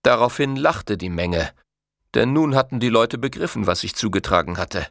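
A male audiobook narrator reads a novel with a lively, varied melody. His voice has a gravelly edge and sits at a middle pitch. The recording is dry and close. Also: moderate pace, no room sound. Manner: expressive storytelling. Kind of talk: scripted narration.

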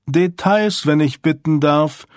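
A man voicing a suave, coldly courteous male agent in an audiobook, speaking softly with quiet menace. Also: on the high side, no room sound, clean studio sound. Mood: silky menace. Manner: soft, courteous, unhurried.

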